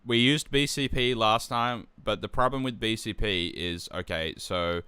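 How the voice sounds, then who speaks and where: A young man hosting a live stream as tournament organizer, chatting casually and relaxed, with lots of ums and restarts. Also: on the low side, unhurried, smooth, dry recording. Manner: relaxed, with frequent fillers and restarts.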